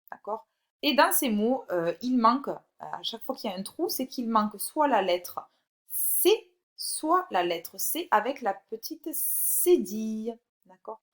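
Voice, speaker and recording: A woman teaching a recorded phonics lesson to young children, reading words slowly and clearly and encouraging the child directly. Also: a little high. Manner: slow, clear, drawn-out word by word reading. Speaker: primary school teacher.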